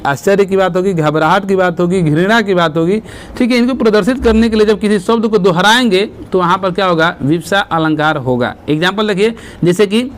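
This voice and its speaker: A man teaching grammar for exam prep. He explains step by step, reads verse examples slowly and keeps checking in with the students. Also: high voice.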